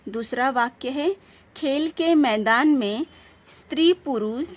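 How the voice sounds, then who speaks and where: Slow, patient woman teacher. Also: high-pitched. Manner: slow, patient, reads example sentences aloud with emphasis. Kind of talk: classroom lesson explaining punctuation.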